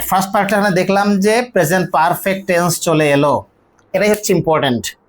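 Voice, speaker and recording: A teacher working through a grammar and pronunciation lesson at a steady, patient pace. The voice walks through each step, poses questions and answers them, and stretches out the example words slowly so every sound can be heard. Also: mid-range voice. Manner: explains step by step, asks and answers own questions; says model words slowly and drawn out. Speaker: English teacher.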